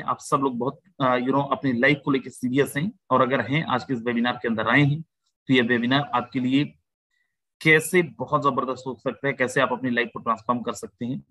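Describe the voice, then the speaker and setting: A man hosting an online video-call webinar, giving a persuasive sales pitch and often calling the listeners "my friend". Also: a bit bright, dry recording, poor audio. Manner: persuasive, addresses listeners as "my friend", mixes English phrases. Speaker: webinar host.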